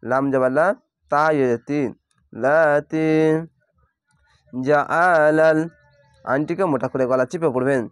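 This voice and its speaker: A man teaching Quran reading in Bengali, spelling out each letter and vowel mark before blending the full word, with calm step-by-step explanations. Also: medium pitch, fast, no echo, clean studio sound. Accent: Bangladeshi Bengali. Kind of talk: slow spelled-out recitation lesson.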